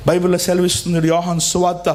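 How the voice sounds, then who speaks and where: A man preaching a sermon as pastor, swinging between loud exclamations and soft low phrases and slowing down to stress words. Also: completely flat delivery, a little hiss or hum.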